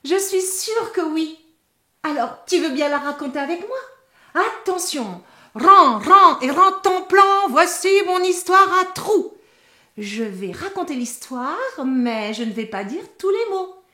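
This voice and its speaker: A woman hosting a children's show, telling a story in a slow, sing-song way and speaking directly to a young child. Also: very high-pitched, very animated, sharp tone, roomy sound.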